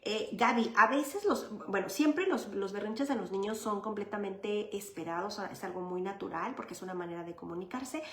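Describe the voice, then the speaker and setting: A woman's voice: mid-range voice, expressive, fairly quick, few pauses. A woman, a child psychologist answering viewer questions in a live session, explaining patiently and conversationally with many fillers. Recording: roomy echo.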